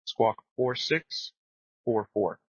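A man's voice: mid-range voice, very slow, breathy edge, no room sound. A man giving procedural instructions as an air traffic controller over radio. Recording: muffled dry aviation radio.

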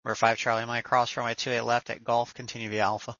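A man's voice: medium pitch, little pitch movement, quick pace, pushed and bright, dry recording, lo-fi sound. A man working as an air traffic controller, giving procedural instructions over the radio. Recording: dry, band-limited radio audio.

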